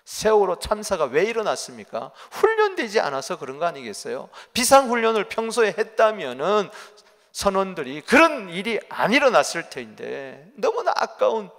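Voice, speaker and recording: A pastor preaching a sermon, firing rhetorical questions at the congregation and swinging from loud to quiet. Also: male voice, high voice. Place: church sanctuary. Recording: long church reverb.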